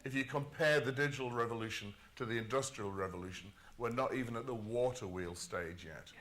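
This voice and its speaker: A man giving measured, emphatic remarks as a panelist at a conference. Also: mid-range voice, a bit bright.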